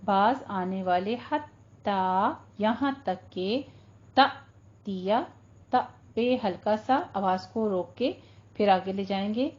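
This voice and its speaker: A woman teaching Quran recitation rules, patiently explaining and drawing recited words out slowly. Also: mid-range voice, a little mellow, lo-fi sound. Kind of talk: tajweed lesson with slow recitation.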